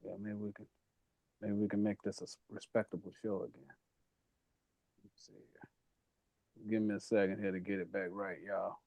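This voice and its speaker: A man hosting a Bible study show, talking in a relaxed, conversational way and speaking to his listeners as "y'all.". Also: lowish voice, normal speed, vocal fry, long pauses, dry recording. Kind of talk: casual Bible study discussion.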